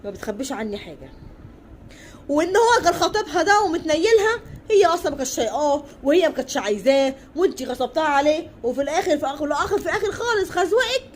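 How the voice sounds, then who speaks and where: A woman's voice: high voice, very animated, rapid-fire, a little hiss or hum. An Egyptian woman voicing a stern, self-righteous husband who lectures firmly. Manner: firm, lecturing.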